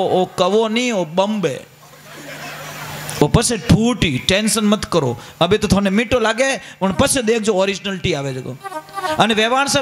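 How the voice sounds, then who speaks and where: High-voiced Rajasthani storyteller preacher man. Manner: folksy, addresses listeners directly with questions. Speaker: religious storyteller.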